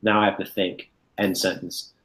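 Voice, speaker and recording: A man's voice: low voice, little pitch movement, moderate pace, a bit bright, echoey room, poor audio. A man in his thirties hosting a casual video-call chat from a room at home. He rambles and corrects himself as he tells stories. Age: 30s. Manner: rambling, self-correcting storyteller. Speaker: host. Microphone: webcam on a video call.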